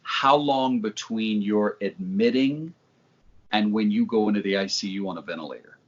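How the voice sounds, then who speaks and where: A man's voice: fairly low pitch, moderate pace. A man conducting an interview, laying out background and asking questions. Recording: dull lo-fi audio.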